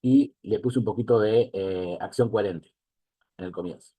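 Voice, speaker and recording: A man's voice: fairly low pitch, normal speed, warm tone, slightly rough, dry recording. A man with a Rioplatense Spanish accent giving an online mentoring lesson as a life coach. He keeps checking that the listener is following him. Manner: asks for agreement again and again.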